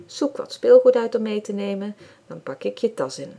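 A woman's voice: medium pitch, animated, normal speed, vocal fry, voice pushed up. A woman reading aloud, voicing a firm but kind mother. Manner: firm, gently amused.

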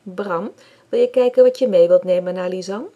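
A woman's voice: medium pitch, moderate pace, lo-fi sound, close to an everyday voice. A woman reading aloud, voicing a firm but kind mother. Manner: firm, gently amused.

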